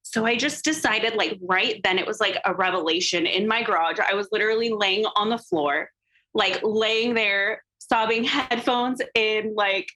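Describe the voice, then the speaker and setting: Speaking at a moderate pace in a bright, forceful, medium-pitched voice, a woman on a podcast openly recounts an emotional personal story about her photography business. She relies heavily on "like" and "um," and the recording is low quality.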